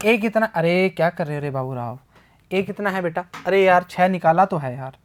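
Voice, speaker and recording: A man's voice: high voice, lively intonation, moderate pace, a little hiss or hum. A man tutoring physics in a casual exam-prep lesson. He solves problems aloud, reads out the questions with English terms mixed in, and keeps joking and talking to himself and his students.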